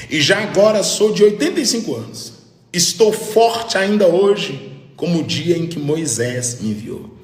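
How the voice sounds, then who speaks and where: Fervent preaching man in an echoey hall. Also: a little high. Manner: fervent preaching that rises to shouts, with bursts of speaking in tongues. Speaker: pastor. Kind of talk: Pentecostal sermon.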